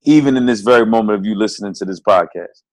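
A man's voice: lowish voice, fast talker, poor audio. Heartfelt motivational young man. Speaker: podcast co-host. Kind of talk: casual podcast chat.

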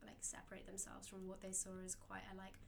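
A woman's voice: medium pitch, completely flat delivery, quick pace, vocal fry, crowd noise. A young woman in casual conversation as a guest, reflective and full of "like" and "um". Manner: reflective, many fillers like "like" and "um".

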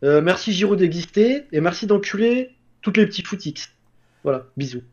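A man's voice: high-pitched, animated, normal speed, darkish tone, highs cut off. Foul-mouthed man in football banter. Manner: crude, swearing, mock-taunting. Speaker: co-host of a football show.

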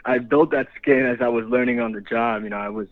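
A man's voice: medium pitch, brisk, no room sound. A young man from the Dominican Republic, a guest actor chatting casually, laid-back and laughing often. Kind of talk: casual interview. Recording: tinny phone line.

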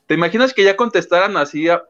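Mexican man, higher-pitched, slightly muffled audio. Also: quick pace, fairly bright tone. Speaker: co-host. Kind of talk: casual celebrity gossip chat. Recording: dull lo-fi sound.

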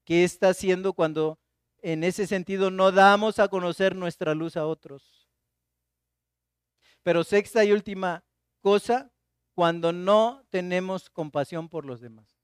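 A man's voice: sits high, a little slow, long pauses, clean tone, no room sound, studio quality. A middle-aged Mexican man preaching a conversational sermon, telling anecdotes and acting out the people in them, often asking a rhetorical "¿no?". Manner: animated storyteller who acts out voices in anecdotes, frequent rhetorical "¿no?". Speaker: pastor.

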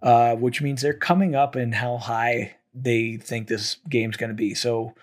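A man's voice: mid-range voice, steady tone, unhurried. A young man hosting a solo sports betting podcast, thinking aloud with fillers and restarts, his voice worn from talking. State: losing his voice.

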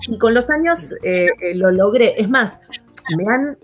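A woman from Argentina, an actress, chatting as an interview guest in a thoughtful way, often pausing with fillers. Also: on the high side, animated, soft background music. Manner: thoughtful, many hesitations and fillers. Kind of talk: casual interview chat.

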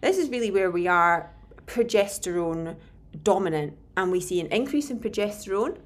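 A woman's voice: mid-range voice, animated, moderate pace. A woman hosting a podcast in a casual, explanatory way, frank and self-deprecating, recorded in a slightly echoey room. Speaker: podcast host and nutritionist. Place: indoor room, home recording.

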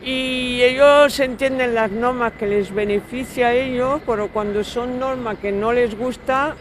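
A woman's voice: a little high, fairly even intonation, a little slow. Casual woman with a light French accent answering questions out on a city street, firm and emphatic, stacking up lists, faint street noise. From born in Spain, raised in France. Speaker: interviewee, dog owner.

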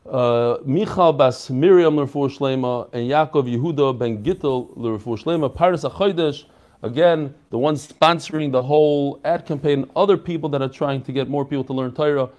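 A man giving a casual daily Talmud class, joking and animated, often restarting and correcting himself, with Hebrew and Yiddish terms mixed in. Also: mid-range voice. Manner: frequent restarts and self-corrections. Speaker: Talmud teacher.

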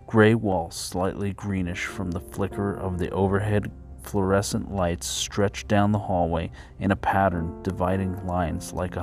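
A man narrating a story in a steady, even reading voice, over faint background music. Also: low voice.

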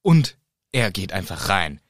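Guy cohosting a book podcast, bouncy lively voice, giggly, dry close mic. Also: deep voice, measured pace, no room sound. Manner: playful, retells scenes, giggly. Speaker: podcast co-host. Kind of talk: casual book discussion podcast.

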